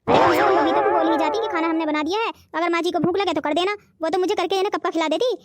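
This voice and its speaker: A woman's voice: very high-pitched, quick pace. A woman voicing an elderly, stingy mother-in-law in a cartoon who grumbles and scolds. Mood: grumbling. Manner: scolding, complaining. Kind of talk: cartoon voice acting.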